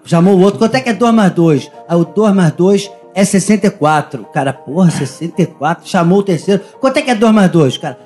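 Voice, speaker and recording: A Brazilian man tells a joke in casual chat, in a slangy, drawling way. His voice is fairly high, with faint music in the background. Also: animated, fast, hardly any pauses, darkish tone.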